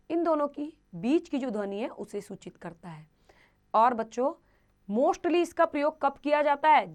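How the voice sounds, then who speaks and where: A woman teaching children a grammar lesson, explaining each point and then quizzing them with questions, drawing out the example words slowly. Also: a little high.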